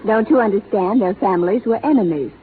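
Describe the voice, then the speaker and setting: A spirited young schoolteacher, voiced by a woman in a 1930s radio play, quick to tease and question. The broadcast sounds tinny and thin. A faint hiss runs underneath. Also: mid-range voice, close to an everyday voice. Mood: teasing. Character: spirited young female schoolteacher, teasing and proud. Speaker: lead actress in a radio play. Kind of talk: 1930s radio drama acting.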